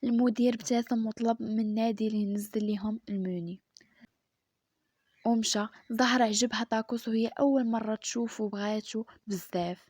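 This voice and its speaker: Hushed Moroccan woman storyteller. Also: on the high side, steady tone, fairly quick, no echo, studio quality. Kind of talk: storytelling narration.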